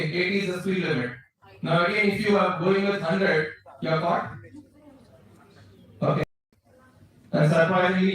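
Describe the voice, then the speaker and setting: A man with a South Indian accent giving an instructive slide lecture, often checking that listeners follow. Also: high-pitched. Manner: instructive, checks understanding with short tags. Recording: very echoey room, distant microphone.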